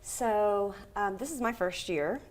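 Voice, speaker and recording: A woman's voice: mid-range voice, slow pace. A woman interview guest chatting casually and playfully, telling anecdotes as a fundraiser. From United States, moved from Indiana.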